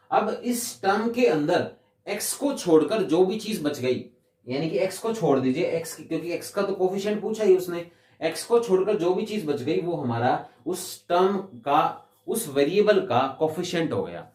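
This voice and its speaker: A man teaches maths in a fairly high voice. He is patient, repeats each definition and slows right down to read the English terms word by word. He sits some way from the mic in an echoey room. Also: darkish tone, recorded from a distance. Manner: patient, repeats definitions and asks himself questions. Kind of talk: classroom explanation.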